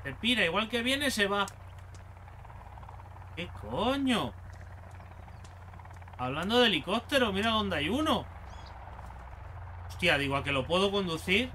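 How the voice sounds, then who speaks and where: A slightly high-voiced man with a Spanish accent narrates his gameplay as a channel host. His tone is sharply bright and his pitch leaps around as he reacts, curses and mocks the enemies he fights. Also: unhurried, pauses often, slight background noise. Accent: Spain Spanish. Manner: excitable, swearing, taunting enemies aloud. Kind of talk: let's play commentary.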